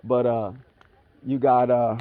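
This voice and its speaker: Over phone-quality sound with a bit of hiss or hum, a male vlogger speaks slowly and flatly in a medium pitch. He has Philippine heritage but was raised elsewhere, and his outdoor monologue rambles casually, loaded with street slang and asides. He also talks back to animals.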